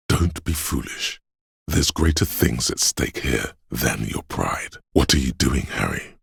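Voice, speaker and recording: A man voicing a calm, perceptive inner voice of empathy in a video game, narrating in a measured, hushed, gravelly and husky delivery. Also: a bass voice, no room sound, studio quality, full character voice. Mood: warning. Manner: measured, hushed, knowing, deliberate. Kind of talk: scripted second-person game narration.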